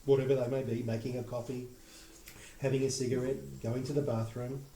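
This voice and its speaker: A man's voice: mid-range voice, flat delivery, fairly quick, dark tone, a little hiss or hum. A man narrating a tabletop horror game as game master, with descriptive, theatrical delivery. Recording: echoey room.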